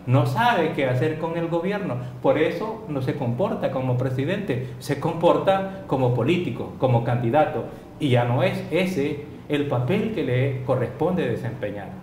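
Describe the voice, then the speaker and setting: A man's voice: fairly high pitch, lively intonation, measured pace, few pauses, darkish tone, slight background noise. Insistent man, echoey studio. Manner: insistent, critical, rhetorical questions. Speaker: political commentator. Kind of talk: studio political discussion.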